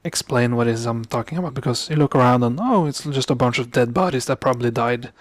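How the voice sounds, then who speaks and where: Commenting casually on a game, a young man from Norway speaks English as a second language, his native tongue being Norwegian. His voice is mid-range with no room sound, and he's halting, keeps correcting himself, and mutters asides under his breath.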